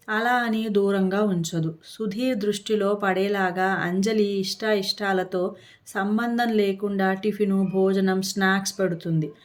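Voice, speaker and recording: A woman narrating a short story in a steady, expressive reading manner. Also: mid-range voice.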